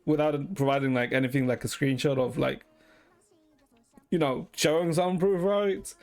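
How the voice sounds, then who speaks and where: At a normal speed and medium pitch, a slightly mellow voice carries a live streamer's hesitant, rambling chatter. The speaker often tags on "right?" and swears occasionally.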